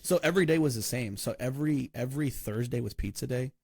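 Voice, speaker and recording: A man's voice: medium pitch, fast, a little mellow, breathy edge, no echo, studio quality. A young man co-hosting a casual chat, telling rambling stories and laughing often. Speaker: podcast co-host.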